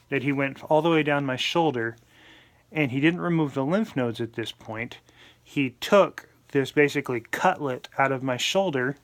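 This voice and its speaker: A man's voice: medium pitch, a bit bright. A man with a lisp talking casually to the camera in a personal vlog, apologetic and self-deprecating. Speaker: vlogger.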